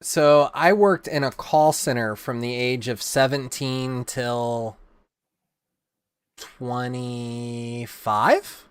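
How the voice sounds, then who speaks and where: Man, stream host, casual banter, teasing, smooth, dry close sound. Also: medium pitch, fairly even intonation, very slow, no room sound. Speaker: stream host opening trading card packs. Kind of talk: casual live-stream chat.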